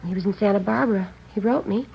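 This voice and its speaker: An actress in a 1950s radio drama plays a worried, devoted seamstress in her thirties who speaks hesitantly and pleads. Her medium-pitched voice is fast with vocal fry, close to everyday speech. The recording is a muffled old radio broadcast with hiss.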